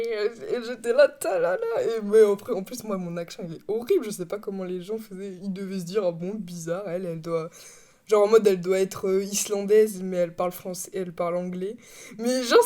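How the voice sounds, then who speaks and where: A woman's voice: medium pitch, warm tone. A young woman from France hosting her own podcast, talking in a rambling, chatty way with frequent laughs and self-corrections at home. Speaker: podcast host. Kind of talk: casual chat. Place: home room.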